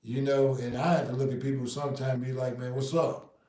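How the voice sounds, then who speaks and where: A man's voice: mid-range voice, level tone, brisk, warm tone. Southern guy from nashville rambling casual, mid voice, lots of room echo, kinda far off mic. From Nashville, Tennessee. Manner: laid-back, repeats "man" and "you know what I mean". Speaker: podcast host. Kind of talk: casual monologue.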